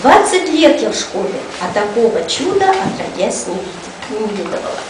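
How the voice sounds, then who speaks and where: A woman with a slightly high, very animated voice at normal speed tells children stories as a chatty, folksy school cleaning lady full of gossip and colloquial talk. The sound is noisy and echoey, captured from a distant mic.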